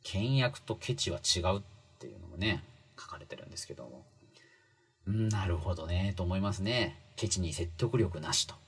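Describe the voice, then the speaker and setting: A man's voice: low-pitched, sing-song, fairly quick, breathy edge. A man talking casually through a book's lessons, chatty and full of fillers, stressing key phrases. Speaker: commentator explaining a book. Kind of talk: casual spoken explainer.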